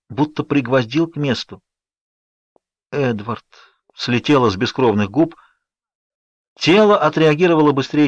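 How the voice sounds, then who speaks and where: A man narrating a first-person novel in a steady, measured reading. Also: mid-range voice, no echo. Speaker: audiobook narrator. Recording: dry, slightly dull audiobook recording.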